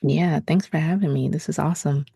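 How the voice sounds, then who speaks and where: A woman with a low, mellow voice talks as a guest on a podcast. She is friendly and easygoing, a little self-conscious, and laughs often. Her voice comes through dry, with no room sound. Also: fairly even intonation, brisk, creaky, breathy edge, dry recording. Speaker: guest, special effects artist. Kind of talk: casual podcast interview.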